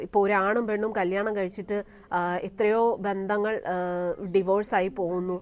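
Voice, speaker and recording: A vlogger with a fairly high-pitched voice delivers scornful opinion commentary, firing off rhetorical questions. She fills her pauses with "aa" and "eh".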